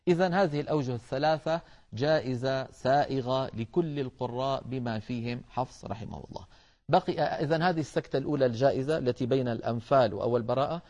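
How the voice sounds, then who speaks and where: A man teaching the rules of Quran recitation in a measured, explanatory way, addressing his listeners as brothers. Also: mid-range voice, darkish tone, muffled recording. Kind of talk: tajweed lesson.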